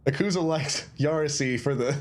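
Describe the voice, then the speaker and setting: Excitable man calling drifts. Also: moderate pace. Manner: excitable, folksy, high-energy play-by-play. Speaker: drift commentator. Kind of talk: live sim racing commentary. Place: home desk.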